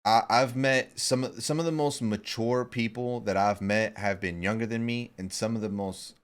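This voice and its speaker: A man's voice: on the low side, fairly even intonation, moderate pace, clean tone. Profane emphatic man in his thirties. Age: 30s. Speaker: podcast co-host. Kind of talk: casual podcast chat.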